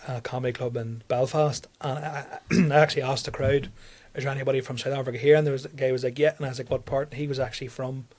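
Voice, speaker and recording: A young comedian from Northern Ireland, a podcast guest, rambles through a story, repeating words and laughing often. His medium-pitched voice is fast and steady in tone, with a darkish quality.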